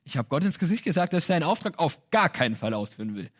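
A man delivers a sermon in a relaxed, colloquial tone, with light laughs now and then. His voice sits a little high and moves up and down a lot as he acts out the lines of the people in his story. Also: fast. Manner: lively, animated storytelling with acted-out quotes. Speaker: preacher.

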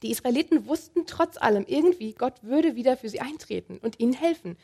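A woman preaching a sermon, speaking calmly and earnestly and addressing the listener directly. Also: high-pitched, a little fast, breathy edge. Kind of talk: sermon with Bible reading.

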